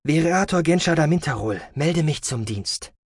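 A man's voice: on the high side, lively intonation, normal speed, breathy edge, no room sound, studio quality, pitched above the performer's own voice. A man voicing a sonorous commander near sixty. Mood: calm. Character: commanding male alien officer near sixty.

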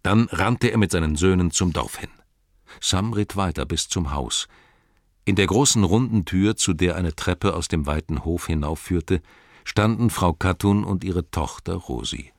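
A man narrating an audiobook in a measured storytelling manner, close to the microphone. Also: low-pitched, no echo. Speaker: audiobook reader. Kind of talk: scripted narration.

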